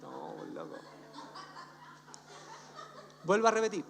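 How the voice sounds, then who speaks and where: A man's voice: sits high, slow pace, vocal fry, a crowd in the background. A man preaching a humorous sermon as pastor, telling stories with jokes and acting out the voices of the people in them. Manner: animated storytelling, jokes, acts out voices. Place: church hall. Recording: church hall reverb, faint hum.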